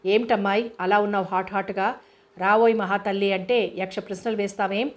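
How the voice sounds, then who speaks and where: A woman's voice: mid-range voice, fairly even intonation, fairly quick, lightly acted. A woman voicing an irritated sister-in-law snapping orders on the phone, read in an audiobook. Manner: irritated, curt. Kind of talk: audiobook character reading.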